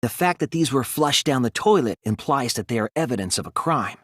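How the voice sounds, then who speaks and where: An earnest teenage boy detective from a video game, acted by a man. The voice is soft-edged and breathy at a medium pitch, recorded very dry. It moves expressively up and down as he lays out deductions in a deliberate, analytical way. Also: animated, dry recording, natural voice. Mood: focused, explanatory. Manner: deliberate, earnest, analytical explaining with dramatic emphasis. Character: earnest, soft-spoken teenage boy detective reasoning through murder cases. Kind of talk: English video game voice acting, deductive monologue.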